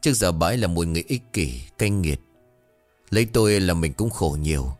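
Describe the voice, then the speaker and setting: A man voicing a weary village husband who speaks calmly and gently to comfort his wife. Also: low-pitched, a little fast, dry recording, faint music behind, pitched below the performer's own voice. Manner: calm, consoling.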